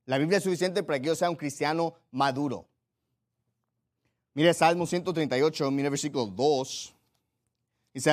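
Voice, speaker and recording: A man preaching with a fairly high voice. He drives his points home by repeating key phrases and slowing down when he stresses a verse. He keeps turning to his listeners with rhetorical questions. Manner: emphatic, repeats key phrases, slows down for scripture. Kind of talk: sermon.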